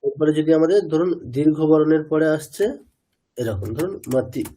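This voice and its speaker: A male teacher, teaching an online chanting class over a video call, patiently checking that students follow and modelling each pronunciation slowly. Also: a little high, lively intonation, mellow. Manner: patient, keeps checking understanding with tag questions.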